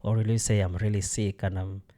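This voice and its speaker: A man's voice: on the low side, little pitch movement, brisk, warm tone. A man hosting a casual podcast conversation, speaking hesitantly with many fillers and frequent laughs. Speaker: podcast host.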